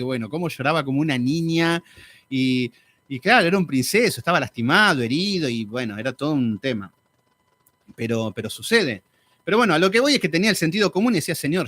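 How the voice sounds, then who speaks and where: A man teaching a live Bible study in an animated, sarcastic, conversational way. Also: a little high.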